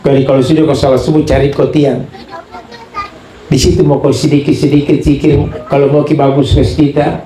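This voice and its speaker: Animated Buginese preacher in an echoey hall. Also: male voice, medium pitch, a little fast. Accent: Buginese-accented Indonesian. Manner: animated storytelling, acts out voices, chants prayers. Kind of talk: humorous Islamic sermon with chanted dhikr.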